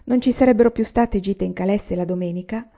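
A woman reading a novel aloud, gently voicing the characters with small lifts in pitch. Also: brisk. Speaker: audiobook reader. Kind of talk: read-aloud novel narration. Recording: dull lo-fi recording.

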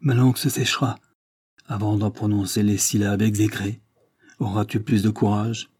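Man reading stern grieving noble mother, solemn, low husky voice, dry close sound. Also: level tone, moderate pace, darkish tone, no echo. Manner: solemn, pleading, grave. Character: grieving stern aristocratic mother, older woman.

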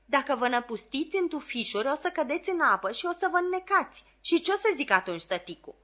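A woman reading an audiobook aloud and voicing a bustling, scolding young nursemaid who exclaims loudly. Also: high voice, very animated, voice pushed up, exaggerated voice.

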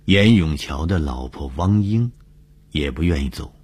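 A man narrating a broadcast story in a measured, dramatic way. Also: a bass voice, expressive, a little mellow, breathy edge.

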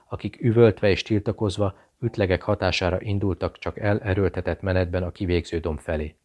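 A man reading a novel aloud as an audiobook narrator, in a steady, measured delivery. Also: low voice.

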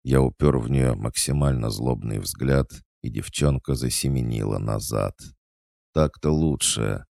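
A man narrating a fantasy audiobook in the first person, calm and even. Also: extremely low pitch, moderate pace, creaky, few pauses, no echo, studio quality.

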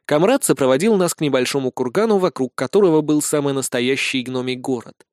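A man narrating a first-person comic fantasy audiobook in an even storytelling read. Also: medium pitch, brisk, no echo, clean studio sound.

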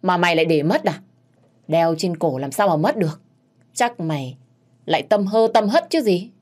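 A woman's voice: on the low side, lively intonation, normal speed, darkish tone. A woman voicing a blunt middle-aged aunt who grumbles and scolds. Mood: scolding.

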